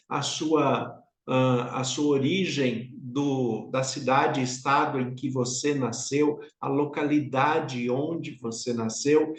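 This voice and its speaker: Male pastor, São Paulo accent, mid-pitched, unhurried and reflective, recorded in an echoey space. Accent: São Paulo Portuguese. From São Paulo, Brazil. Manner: unhurried, reflective, speaks directly to the listener. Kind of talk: devotional sermon. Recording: roomy echo.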